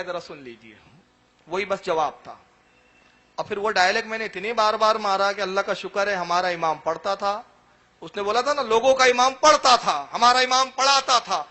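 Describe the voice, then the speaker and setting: Male preacher, very high pitched, dramatic sermon storyteller. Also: pushed and bright. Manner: dramatic, retells stories with acted quotes. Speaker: religious speaker.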